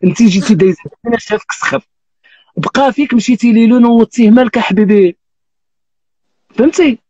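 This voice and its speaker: Heard through dull audio from a phone on a live video call, a Moroccan man in his thirties hosts a live stream of joking, casual chat. He teases and swears oaths frequently in a very high, mellow voice, speaking briskly.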